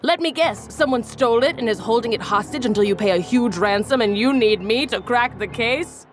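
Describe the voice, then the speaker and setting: A woman's voice: on the high side, brisk, natural voice. Woman as a grand, self-important cat detective for a storybook radio play, dramatic noir narrator. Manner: dramatic, overeager, theatrical.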